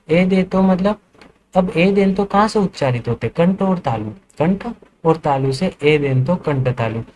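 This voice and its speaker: A man with a slightly raised pitch teaches a lesson, walking through each point and posing questions that he answers himself. Faint noise sits under the voice. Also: a little mellow, rough recording. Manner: explains step by step, asks and answers his own questions. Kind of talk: classroom lecture.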